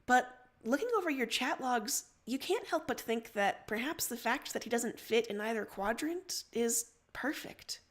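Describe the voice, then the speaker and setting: A woman hosts a livestream where she reads stories aloud and chats casually. Her voice is on the high side and expressive, at a moderate pace with hardly any pauses.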